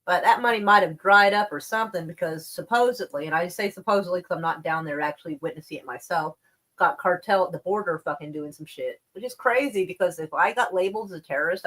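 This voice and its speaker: A woman's voice: lowish voice, fairly bright tone, rough recording. A woman chatting casually on a live stream about the news, rambling and wry, with plenty of swearing. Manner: profane, laid-back, wry.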